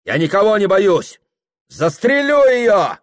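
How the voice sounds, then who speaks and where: A man voicing a desperate, furious young son whose shouts break like a boy's. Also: sits high, big pitch swings, slow, pitched above the performer's own voice, heavily acted. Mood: defiant.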